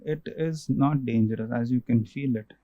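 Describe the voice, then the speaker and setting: A man's voice: medium pitch, moderate pace, dry recording, highs cut off. A man, an ENT doctor, patiently explaining causes and tests to a patient, often restarting and repeating himself.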